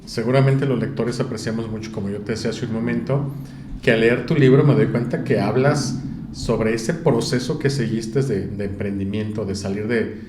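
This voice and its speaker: A man's voice: fairly low pitch, fairly even intonation, moderate pace, background noise. A man hosting a business podcast, welcoming guests formally and asking questions with frequent fillers. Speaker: podcast host.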